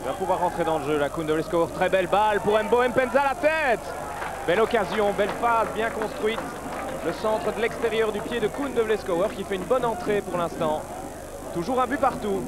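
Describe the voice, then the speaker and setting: A man giving excited football commentary as a match commentator, his voice surging with the play. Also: high voice, a little fast, heavy background noise. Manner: voice surges on chances and goals.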